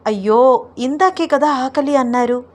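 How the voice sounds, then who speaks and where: A woman's voice: sits high, a little slow, a little mellow, pitched above the performer's own voice. A woman voicing a coy young wife who keeps making flustered, pleading protests in an audio story.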